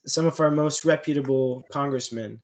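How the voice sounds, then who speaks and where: A man's voice: mid-range voice, moderate pace. A man hosting a casual political podcast chat, speaking sarcastically and chuckling mid-sentence.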